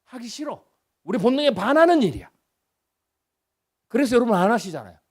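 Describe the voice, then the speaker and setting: A man in his fifties preaching a revival sermon as a guest pastor, chatty and full of rhetorical questions, moving between loud emphasis and hushed lines. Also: extremely high pitch, very animated, a little fast.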